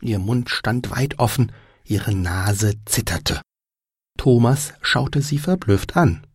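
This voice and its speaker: A man hosting a language podcast, slowly drilling phrases and narrating a story in a deliberate, teacherly way. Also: mid-range voice, husky, no echo, clean studio sound. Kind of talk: slow instructional narration.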